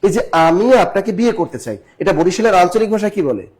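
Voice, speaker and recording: High-voiced Bangladeshi man teaching a class. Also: expressive, fast talker, a little mellow. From Barishal, Bangladesh. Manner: repetitive, drilling, asks the audience questions. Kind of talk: live online exam-prep lesson.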